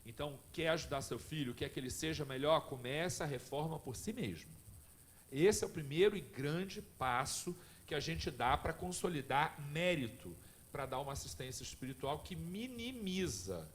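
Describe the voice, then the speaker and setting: At a spiritist family course, a man lectures in a lively, conversational manner, sharing personal stories and speaking straight to the audience. His voice is fairly high at normal speed.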